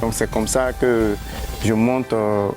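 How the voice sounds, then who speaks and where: A man's voice: lowish voice, level tone, slow pace. A man from Côte d'Ivoire, interviewed outdoors as a guest, speaking hesitantly with many restarts. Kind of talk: street interview. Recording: music bed underneath.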